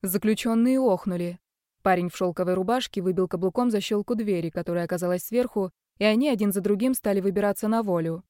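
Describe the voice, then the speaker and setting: A woman narrating an audiobook in a steady, expressive reading. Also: mid-range voice, fast talker, no room sound, clean studio sound. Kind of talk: scripted narration.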